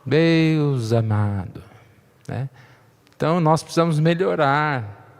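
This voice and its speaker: Pastor preaching in an echoing hall. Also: male voice, fairly high pitch, slow. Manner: conversational, frequent tag questions, light humor. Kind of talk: sermon. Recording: long reverb of a church hall.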